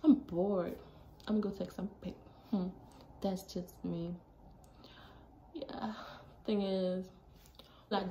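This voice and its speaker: Chatty teenage girl from Jamaica. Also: on the low side. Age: teens. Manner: chatty, animated, with frequent asides. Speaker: vlogger. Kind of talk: casual chat to camera. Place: small bedroom indoors. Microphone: phone camera at arm's length. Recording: echoey room, faint background noise.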